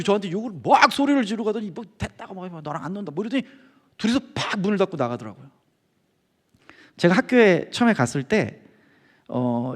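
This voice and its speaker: A middle-aged man giving a testimony sermon as guest speaker, telling his story with animated storytelling and acting out quoted friends. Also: sits high. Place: church sanctuary. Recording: long hall reverb.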